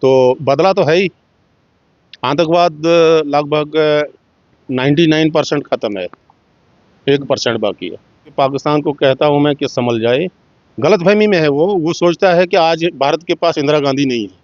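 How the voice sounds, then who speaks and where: A man's voice: a little high, moderate pace, no room sound. Earnest middle-aged man telling stories. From Jammu and Kashmir. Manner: earnest, retelling dialogue with small voice shifts. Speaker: interviewee. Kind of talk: personal storytelling in an interview. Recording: muffled, dull dry recording.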